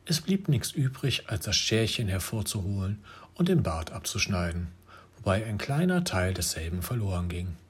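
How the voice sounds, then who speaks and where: Man reading a fairy tale aloud, husky, low voice, lively storytelling. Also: moderate pace. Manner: lively narration with occasional slips.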